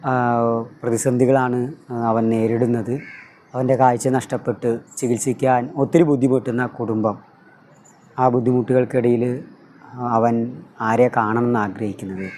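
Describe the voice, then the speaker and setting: Male teacher with a Malayali accent, retelling a story for a class with feeling and fillers, mellow tone. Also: medium pitch, a little hiss or hum. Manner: emotive storytelling with many filler sounds.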